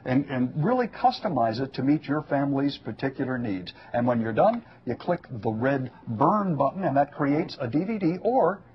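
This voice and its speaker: A man's voice: medium pitch, expressive, moderate pace, few pauses, dull audio. A man giving a home shopping product demonstration as the guest expert, explaining step by step in a folksy, lightly joking way.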